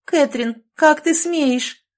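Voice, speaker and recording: A woman's voice: sits high, takes it slowly, voice pushed up. A woman voicing a haughty, domineering aristocratic mother who shrieks and wails in an audiobook. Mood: indignant.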